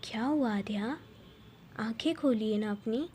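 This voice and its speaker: A woman's voice: a little high, measured pace, dark tone, a little hiss or hum, natural voice. A woman doing Arushi, a teasing young wife.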